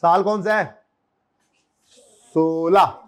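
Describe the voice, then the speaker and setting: A man's voice: high-pitched, fairly even intonation, very slow. A man teaching an accounting class in a classroom, chatty and joking, counting years aloud and quizzing his students. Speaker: accounting lecturer. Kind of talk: classroom lecture. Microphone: recorded lecture.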